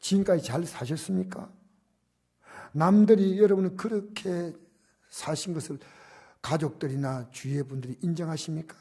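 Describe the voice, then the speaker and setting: An older man preaching a sermon as pastor in a church, swinging between loud emphatic exhortation and soft, almost whispered asides. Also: on the high side, moderate pace, breathy edge. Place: church sanctuary.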